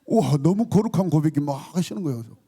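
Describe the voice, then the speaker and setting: A male pastor from South Korea delivers a night sermon in a bright, high voice. His pitch leaps up and down as he throws questions to the congregation. Now and then he bursts into a scolding tone. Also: animated, very fast, husky. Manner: calls and responses to the congregation, acts out scolding voices. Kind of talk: sermon at a Friday night service.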